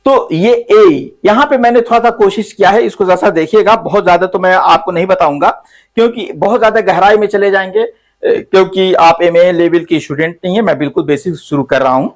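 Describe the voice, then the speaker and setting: A male English teacher, slowly going through the alphabet and repeating each letter sound several times. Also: high-pitched. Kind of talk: spoken English lesson.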